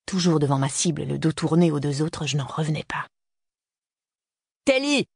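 Gravelly, husky audiobook narrator. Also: medium pitch, steady tone, brisk, darkish tone, no room sound, studio quality. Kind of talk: first-person audiobook narration.

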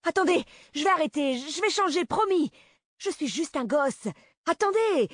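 A woman's voice: big pitch swings, normal speed, dry recording, close to an everyday voice. A woman voicing a cocky, crude teenage boy in an audiobook reading, brash and vulgar. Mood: panicked pleading. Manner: brash and vulgar, later shrill pleading.

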